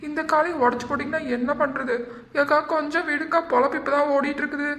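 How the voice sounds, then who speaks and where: A woman's voice: high-pitched, fairly even intonation, quick pace, fairly bright tone. A woman doing a whining, pleading cartoon girl. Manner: pleading and complaining. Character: whining, put-upon young cartoon woman. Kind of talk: cartoon voice acting.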